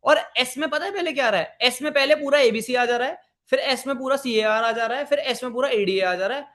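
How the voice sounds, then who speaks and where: A man's voice: extremely high pitch, brisk, a bit bright. A man teaching a live online programming class, mixing English coding terms into his Hindi, repeating his phrases and quizzing the students. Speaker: programming instructor.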